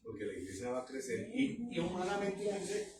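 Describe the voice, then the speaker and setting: A man's voice: high voice, huge pitch swings, fairly quick, background noise. A man preaching a sermon to a church congregation, exhorting and asking his listeners questions. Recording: echoey room, voice from far off.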